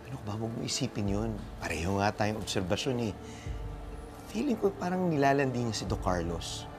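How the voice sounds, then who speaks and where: A man's voice: lowish voice, very animated, brisk. An actor playing a suspicious, gossipy but caring man in a TV drama, with a Filipino accent. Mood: conspiratorial. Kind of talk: TV drama dialogue. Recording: music behind dialogue.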